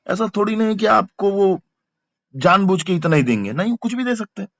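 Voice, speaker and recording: A man's voice: high voice, animated, normal speed, a bit bright, no echo. Man, teacher, repeats words, dry, muffled lo-fi sound. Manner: explains word by word, repeating terms and asking for comments. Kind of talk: online exam-prep lesson.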